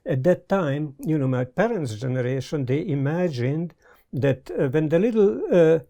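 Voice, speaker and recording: An older man with a Hungarian accent, talking in a thoughtful, halting way with many pauses, interviewed in a book-lined study on a lapel mic. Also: fairly high pitch, lively intonation, vocal fry, dark tone. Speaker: guest. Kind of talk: casual conversation. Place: study lined with bookshelves, indoors.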